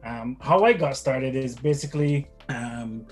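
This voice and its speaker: Soft music plays behind a middle-aged man from Barbados who talks informally as a guest father in an interview. He speaks at a measured pace in a mid-range voice, often restarting and repeating words as he rambles.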